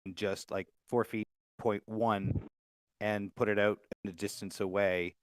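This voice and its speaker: Guy on a headset thats breaking up, volume up and down, smooth lowish voice, dry sound. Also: little pitch movement, unhurried, no echo, poor audio. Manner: explaining step by step with a practical example. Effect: breaking-up mic, volume jumping up and down, words dropping out. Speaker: panel debater. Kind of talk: casual online panel debate.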